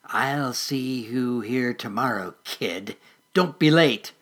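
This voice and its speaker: A man's voice: medium pitch, takes it slowly, a bit bright. A man voicing a sly, greedy old male mole who talks in a greasy, wheedling way. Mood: menacing.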